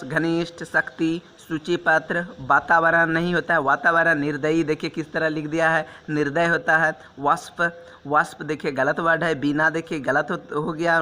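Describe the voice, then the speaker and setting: A man teaching grammar in a casual spoken lesson, reading out wrong and correct words and sentences, often saying "okay" and slowing down to spell out each correction. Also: a little high, pushed and bright. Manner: repeats "ठीक है" constantly, slows to spell out corrections.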